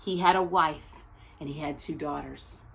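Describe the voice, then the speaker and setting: With a low, gravelly voice, a woman tells a children's picture book story aloud, narrating expressively and leaving deliberate, dramatic pauses between short phrases. There's a slight background noise.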